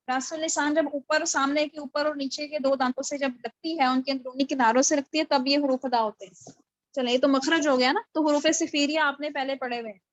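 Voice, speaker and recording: Woman teacher, high voice, dry close sound over a video call, explanatory and questioning. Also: no echo, low-quality recording. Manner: explanatory, mixes English terms into Urdu, checks understanding with questions. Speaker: Quran recitation teacher. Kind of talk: live online lecture. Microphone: video call microphone.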